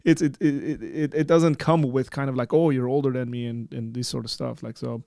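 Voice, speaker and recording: The birthday stream's host, a man in his thirties working from a green-screen setup, chats casually and rambles with many fillers and restarts. His voice is mid-range, steady, fairly quick, gravelly, and darkish, recorded at studio quality with no echo.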